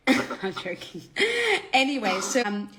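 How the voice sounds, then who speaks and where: A woman's voice: mid-range voice, slow, noisy background. Chatty woman podcast host from Australia. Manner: warm, chatty, enthusiastic. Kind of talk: podcast intro and interview.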